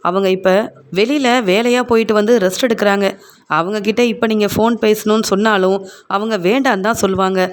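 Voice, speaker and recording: A man's voice: high voice, steady tone, brisk, clear, resonant tone, close to an everyday voice. A man voicing an impatient male personal assistant who scolds a caller. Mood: irritated.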